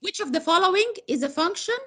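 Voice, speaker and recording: A woman's voice: very high voice, animated, measured pace, sharp tone. A woman with an Egyptian Arabic accent teaching science over a video call, patient and coaxing, mixing Arabic and English. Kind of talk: online tutoring lesson.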